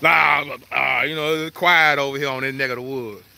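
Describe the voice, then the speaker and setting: A man vlogging live at an outdoor zoo, joking loudly in slangy banter. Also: mid-range voice, steady tone, normal speed, creaky. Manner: loud, joking, slangy banter with frequent laughs. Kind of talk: casual live vlog.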